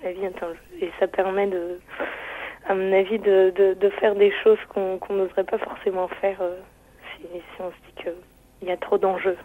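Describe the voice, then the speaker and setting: A woman's voice: mid-range voice, flat delivery, moderate pace. A woman with a thin, tender, slightly retro voice and rolled R's, answering casually and hesitantly as a radio interview guest. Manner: rolls her R's; hesitant, searching, frequent repetitions. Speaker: singer interviewed as phone-in guest. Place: on a phone call to radio. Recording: band-limited telephone line, dry.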